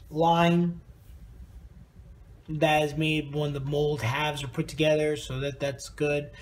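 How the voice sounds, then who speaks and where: A man's voice: a little high, slight background noise. A tired man giving a rambling, casual review of a plastic model kit, with lots of ums and uhs.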